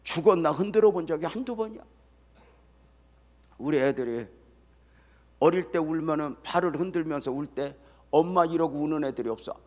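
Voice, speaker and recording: An older man, a retired pastor, preaching an early-morning sermon in a folksy storytelling way that swings from soft to loud. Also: fairly high pitch, moderate pace, long pauses, in a large hall. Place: church sanctuary.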